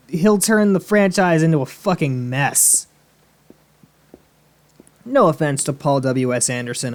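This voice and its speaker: A let's-play host of unclear sex commentates on a video game in a casual, joking, sarcastic way with lots of swearing. The voice is mid-range and a little mellow.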